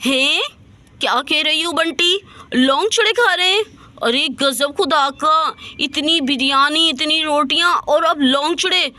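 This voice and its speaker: Lady doing a shocked gossipy village woman, loud exclaiming, high bright voice. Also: a little slow, no room sound. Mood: scandalized. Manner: exclaiming, theatrical disbelief. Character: gossiping young village woman, dramatic and scandalized.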